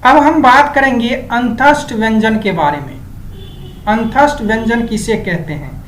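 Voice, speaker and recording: A woman's voice: on the high side, a little slow, echoey room, a little hiss or hum, low-quality recording. A woman teaching an exam-prep grammar lesson, going step by step and repeating the key items.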